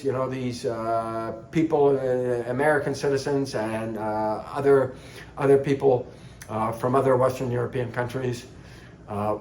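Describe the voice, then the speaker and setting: A man's voice: medium pitch, darkish tone, slight background noise. A man from Canada, giving a scornful, sarcastic political monologue. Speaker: political commentator. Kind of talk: opinionated monologue. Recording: echoey room.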